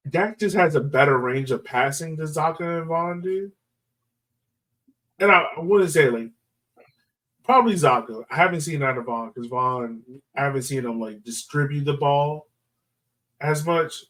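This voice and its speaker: A man with a fairly high, fairly bright voice talks at normal speed with long pauses, sitting far from the mic on poor audio. He's running a soccer podcast, casually chatting through analysis with lots of "like" and "you know."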